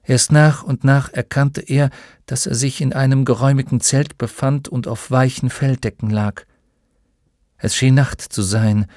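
A man narrating an audiobook in a measured, vivid storytelling manner. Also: mid-range voice, steady tone, darkish tone, dry recording, studio quality.

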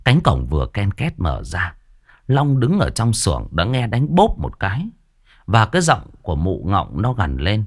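Lively storyteller, man. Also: fairly low pitch, a little slow. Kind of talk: scripted horror story narration.

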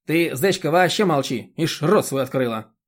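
A man reading an audiobook, voicing a short, stout, rude elderly village chairwoman who scolds and yells. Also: animated, moderate pace. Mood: hostile. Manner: shrill scolding, yelling.

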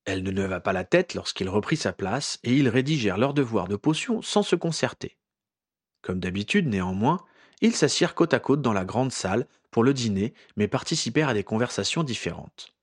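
A man narrating a fan fiction story aloud in an expressive, dramatic reading style. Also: medium pitch, moderate pace, breathy edge.

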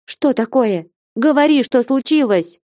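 A woman's voice: on the high side, animated, a little slow, darkish tone, dry recording, clean studio sound, pitched above the performer's own voice. Flyonushka, a fiery young woman voiced by a woman. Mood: scolding. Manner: scolding, insistent, mocking. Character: sharp-tongued young woman, bold and impatient.

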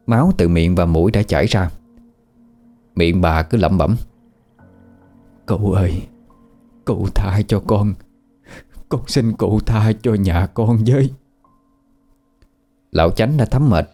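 A man narrating a scripted horror story in a steady, somber way. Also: sits low.

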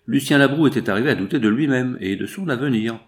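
A man narrating an audiobook of a nineteenth-century novel in a steady, formal reading. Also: mid-range voice, fast.

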